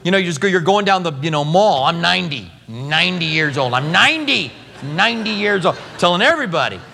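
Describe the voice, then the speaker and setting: A pastor in his fifties preaches in a bright, high register, his voice rising and falling with lively expression. He talks conversationally and acts out the quotes he tells. His words ring on in a long, reverberant sanctuary. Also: fairly quick, gravelly. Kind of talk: expository sermon.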